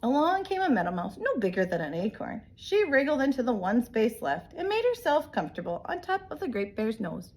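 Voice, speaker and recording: A woman reading a picture book aloud in an animated, emphatic way, like a teacher telling a story to young children. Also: a little high, brisk, hardly any pauses, a little hiss or hum. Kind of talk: expressive storybook read-aloud.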